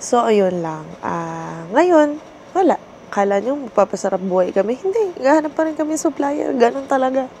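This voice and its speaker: A young adult woman with a Filipino accent, chatting casually to her phone on a travel vlog, laughing often and filling pauses. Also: high-pitched, very animated, darkish tone. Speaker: vlogger. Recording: noisy street and shop ambience.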